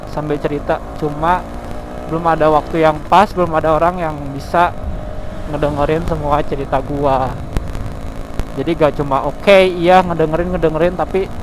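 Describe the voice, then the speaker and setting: A man, chatting candidly and rambling from the heart while riding a motorbike at night. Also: fairly high pitch. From Cianjur, West Java. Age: 20s. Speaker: vlogger. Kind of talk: casual confessional chat while riding at night. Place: outdoors on a motorbike at night in town traffic. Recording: loud road and traffic noise.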